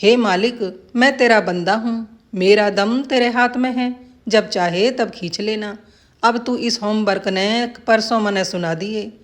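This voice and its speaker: A woman's voice: mid-range voice, unhurried, close to an everyday voice. Blunt old village elder, as a woman puts him on. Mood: teasing. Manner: blunt rustic dialect speech.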